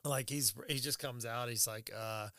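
A man's voice: medium pitch, steady tone, moderate pace, background noise. A man rambling through a story in a casual podcast chat, full of "like" and "you know". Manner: rambling, filler-heavy storytelling. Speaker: podcast co-host.

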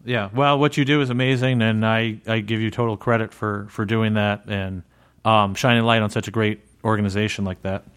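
A man's voice: fairly low pitch, steady tone, a little fast, fairly bright tone, clear, resonant tone. Friendly laughing male podcast host. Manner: friendly, laughs often, filler-heavy. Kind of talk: interview.

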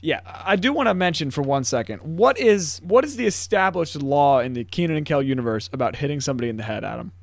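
A young man in easy, casual chat, recapping a TV episode with a friend. His voice sits a little higher than most men's, and he laughs often as he puts on quick comic voices for the characters. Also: lively intonation, gravelly. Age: young adult. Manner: laughs often, acts out quotes in funny voices. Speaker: podcast co-host.

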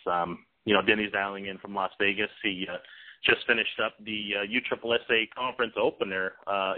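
A male sports radio host with a very low voice talks off the cuff, haltingly and informally. The sound is thin and phone-like, as on internet radio. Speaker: sports talk show host. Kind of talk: unscripted internet radio talk. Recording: muffled narrow-band phone-like internet radio.

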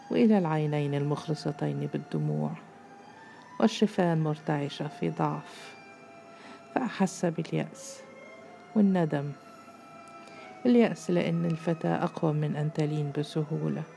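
Woman reading a story, low dark voice, gravelly, measured and intimate, faint music under it. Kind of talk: literary story narration.

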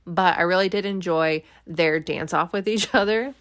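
A woman's voice: lowish voice, normal speed, fairly bright tone, no echo, clean studio sound. A woman casually recapping a reality show episode, chatty and wry, full of "like" and "um" fillers.

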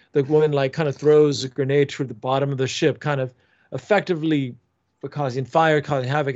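A man's voice: medium pitch, darkish tone, dry recording. Rambling man with a dull lo-fi sound. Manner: rambling, frequent restarts and fillers. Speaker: podcast co-host. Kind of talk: casual chat.

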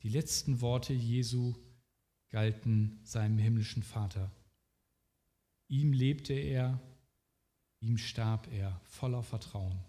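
A man preaching a sermon at a slow, deliberate pace, speaking earnestly and directly to the listener. His voice sits at an ordinary pitch and rings with a long reverberant tail. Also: fairly even intonation, mellow.

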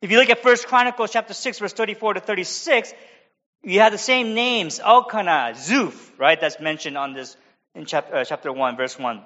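A man's voice: sits high, moderate pace, bright, forceful tone, muffled recording. A man from America with an American accent, preaching an expository sermon with conversational asides. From United States. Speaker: pastor.

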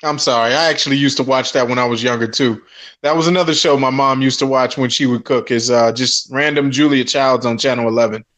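A man co-hosting a podcast in casual chat, agreeable and quick to laugh. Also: mid-range voice. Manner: lively, laughs easily, agreeable. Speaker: podcast co-host.

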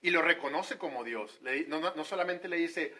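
A male preacher gives a chatty, conversational sermon. His voice sits a little high and sounds bright and forceful, and he often hesitates mid-thought before pressing on. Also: a little fast. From Monterrey, Mexico.

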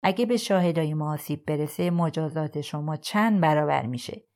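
A woman's voice: low-pitched, a little mellow. A woman reading an audiobook, voicing a stern male prosecutor delivering a formal warning.

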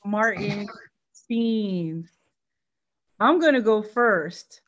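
A woman's voice: mid-range voice, expressive, drawn-out words, a bit bright, dull audio. A woman co-hosting a podcast, chatting casually and laughing often. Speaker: podcast co-host. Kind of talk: casual chat.

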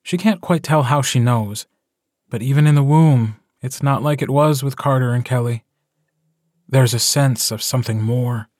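A man narrating a short story as an audiobook, in a calm, measured storytelling voice. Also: medium pitch, no echo, studio quality.

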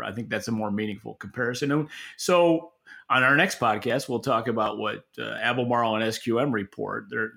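A man co-hosting a podcast as an industry analyst delivers unscripted, opinionated market commentary in a mid-range, bright, forceful voice. He frequently rephrases mid-sentence.

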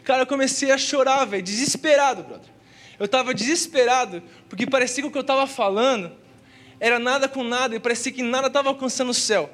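A young man with a Brazilian accent preaches in a high voice. He tells a personal testimony in a slangy, earnest way. He is speaking in a church. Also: fast, fairly bright tone. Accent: Brazilian Portuguese. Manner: slangy and earnest, peppered with "cara" and "velho". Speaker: youth preacher. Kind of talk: casual testimony sermon.

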